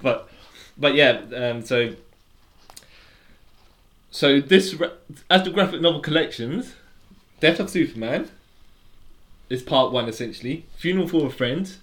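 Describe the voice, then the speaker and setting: A man's voice: a little high, animated, a little slow, pauses often, fairly bright tone. A man co-hosting a podcast, explaining at length in casual chat with lots of restarts and fillers. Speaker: podcast co-host.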